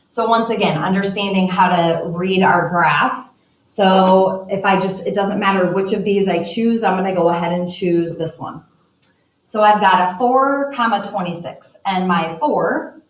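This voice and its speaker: A woman teacher talking through math problems step by step, working as she writes and uses a calculator. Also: on the low side. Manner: talks through steps while writing and using a calculator. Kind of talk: recorded math lesson. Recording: echoey room, voice a bit distant from the mic.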